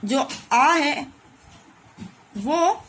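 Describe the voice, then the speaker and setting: A woman schoolteacher giving an online grammar lesson to children. She explains slowly and patiently, step by step, often asking checking questions. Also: sits high, lively intonation, a bit bright, a little hiss or hum.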